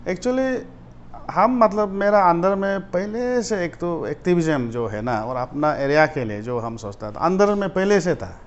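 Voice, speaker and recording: Male student activist guest from Arunachal Pradesh, slightly high voice, gets animated in his stories, dull lo-fi recording. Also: a little slow. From Arunachal Pradesh, India. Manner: animated, rises sharply when retelling confrontations. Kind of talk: casual interview storytelling.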